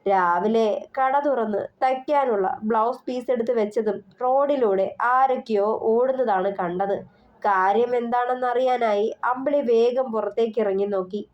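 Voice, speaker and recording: A woman author narrating her own audio novel with expressive storytelling. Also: a little high, moderate pace, dull audio.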